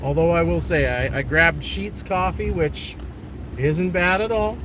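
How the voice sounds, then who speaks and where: Higher-voiced man livestreaming over loud road noise. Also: unhurried. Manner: conversational, hesitant phrasing. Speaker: livestreaming storm chaser. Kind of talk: casual live commentary. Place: in a car on the road. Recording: noisy vehicle interior, road noise.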